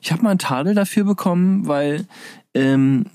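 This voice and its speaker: A young man from Berlin, a podcast host telling stories in casual chat, animated and acting out quotes. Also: a little high, normal speed, dry recording, clean studio sound. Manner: animated, acts out quotes with loud outbursts and laughs.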